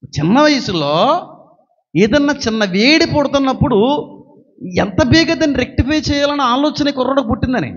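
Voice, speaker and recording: A man's voice: very high-pitched, expressive, fairly quick, pauses often, husky. A man preaching a sermon in a dramatic way, acting out family quarrels in raised voices. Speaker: pastor. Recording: dull sound with long hall reverb.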